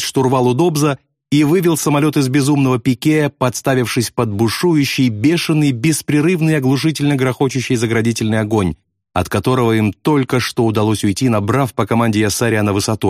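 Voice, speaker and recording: A man narrating a novel in a steady, vivid literary reading. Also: medium pitch, no room sound, studio quality. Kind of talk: audiobook narration.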